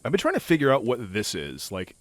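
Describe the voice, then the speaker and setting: A man's voice: mid-range voice, wildly swooping pitch, fast talker, fairly bright tone, dry recording. A man in his thirties chatting casually while playing a game, rambling and interrupting himself, swearing offhand. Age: 30s. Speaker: let's play host. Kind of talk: casual gameplay chat.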